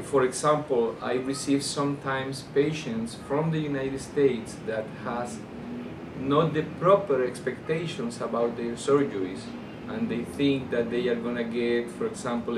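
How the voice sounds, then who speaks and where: A Colombian-accented man, an orthopedic surgeon, responds spontaneously to interview questions in an average pitch, pausing and repeating as he speaks. Air-conditioning noise fills the background of a spacious room, and he is set back from the mic.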